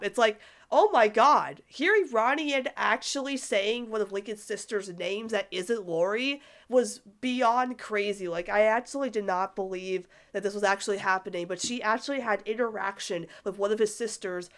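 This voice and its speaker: A female podcast host with a nasal, congested voice, recovering from a cold. She chats casually on her own at a middling pitch, rambling emphatically and excitably about her fandom. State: recovering from sickness, stuffed-up nose. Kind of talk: casual solo fan podcast chat.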